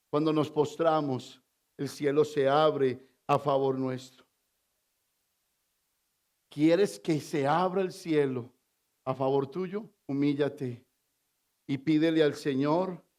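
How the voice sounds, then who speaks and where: A man preaches in a fairly high voice, taking his time over each phrase. He delivers a sermon with strong emphasis. He pauses often to put questions to his congregation. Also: a little mellow. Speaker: pastor.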